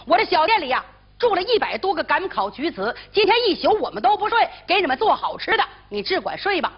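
A woman's voice: extremely high pitch, big pitch swings, fast talker, pitched above the performer's own voice, heavily acted. A woman storyteller voicing an eager, obliging male innkeeper who calls out fawningly to guests. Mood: eager, reassuring. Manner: calling out, fawning. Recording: dull lo-fi television recording.

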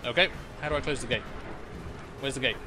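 Man commentating over loud game music. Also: medium pitch, quick pace. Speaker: let's play host. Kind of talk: casual gameplay commentary. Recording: loud game music and sound effects behind. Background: loud game music and combat sounds.

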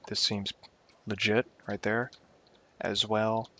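Taking it slowly in a lowish, flat voice that sounds pushed and bright, a young man plays a game at home and rambles on. He mocks himself and talks to himself as he goes, making gameplay commentary for YouTube in a dull, lo-fi home recording.

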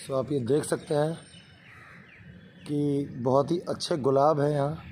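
Hoarse young man vlogging outdoors. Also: on the high side, steady tone, unhurried, darkish tone, slight background noise, poor audio. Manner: chatty, friendly, repeats filler words. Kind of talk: casual vlog chat. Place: outdoors at a hospital grounds.

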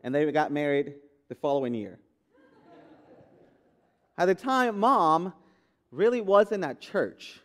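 Pastor, smooth clear voice. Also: male voice, fairly high pitch, lively intonation, slow, long pauses. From Guatemala. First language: Spanish. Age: 30s. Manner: conversational, frequent fillers and restarts. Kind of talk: sermon testimony. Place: church sanctuary.

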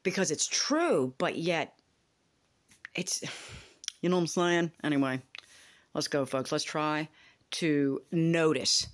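A woman's voice: low-pitched, lively intonation, takes it slowly, pauses often. A woman in her fifties giving a rambling, emphatic self-help monologue, with frequent swearing. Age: 50s. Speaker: vlogger.

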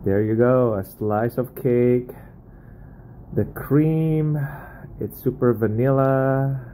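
A man's voice: medium pitch, mellow, low-quality recording. A man in his forties vlogging a meal in a small restaurant, enthusiastic and savoring every bite. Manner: enthusiastic, savoring food with drawn-out exclamations. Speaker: food vlogger. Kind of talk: casual food vlog. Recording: restaurant noise behind.

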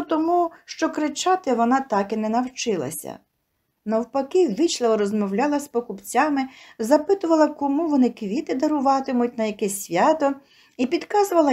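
A woman reading a tender short story aloud, with expressive storytelling. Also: fairly high pitch. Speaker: narrator. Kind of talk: storybook narration.

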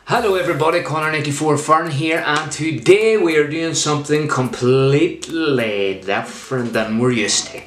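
A man's voice: fairly high pitch, moderate pace, hardly any pauses. A man in his twenties talking casually to camera as a vlog host. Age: 20s. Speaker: vlogger, host. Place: bedroom, indoors. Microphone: camera in front of him. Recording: roomy bedroom sound. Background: music.

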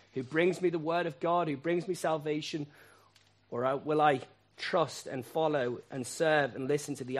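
A man preaching from the pulpit in a fairly high voice. He asks the congregation rhetorical questions and repeats key phrases like chants. He drops to quiet asides, then climbs to loud, emphatic peaks. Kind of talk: sermon.

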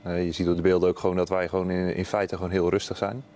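Low-voiced police officer giving a statement. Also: male voice, quick pace. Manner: calm, hesitant, many fillers. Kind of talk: interview statement.

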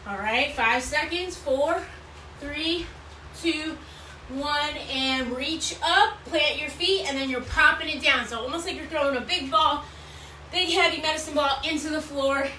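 Exercising in a small, bright room at home, a woman in her thirties who teaches aerobics calls out counts and moves with repetitive, upbeat encouragement. Her high voice is pushed and bright, moving a little slowly. The capture, from a camera or phone several feet off, is roomy and distant with clear background noise.

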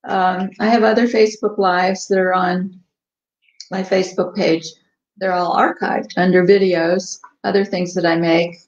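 A woman's voice: fairly low pitch, measured pace. Chatty woman on a cooking livestream. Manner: relaxed, chatty, many ums, tasting and eating while talking. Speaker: cooking show host. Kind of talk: casual live cooking stream. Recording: echoey, dull livestream audio.

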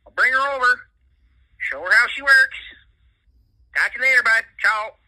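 A man's voice: very high-pitched, moderate pace, pushed and bright, heavily acted, low-quality recording. A man voicing a blunt, folksy, foul-mouthed Canadian uncle leaving a comedic voicemail, heard through a phone speaker. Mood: boastful, cheerful. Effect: phone voicemail playback. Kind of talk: comedic phone message monologue.

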